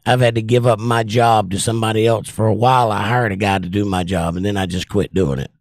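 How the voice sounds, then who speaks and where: Reading chat aloud on his livestream, an older host answers viewers casually in a fairly low voice, worn from years of trouble, with fairly even intonation. He moves at a quick pace, and the recording is dry and of studio quality.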